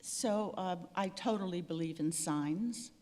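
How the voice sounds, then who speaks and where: A woman's voice: lowish voice, unhurried, a little mellow. An older woman telling stories on a panel in a wry, self-deprecating way, with many fillers and restarts. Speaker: panel speaker. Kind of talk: storytelling on a panel. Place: event hall. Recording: echoey hall with long reverb.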